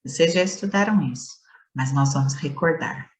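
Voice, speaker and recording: A woman's voice: low-pitched, moderate pace, a little mellow. A woman teacher giving a playful lesson to schoolchildren, stretching words and leaning hard on stressed syllables.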